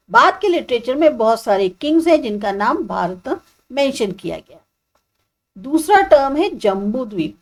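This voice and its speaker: A woman teacher explaining a social science textbook chapter step by step, asking students questions and mixing in English terms. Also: on the high side.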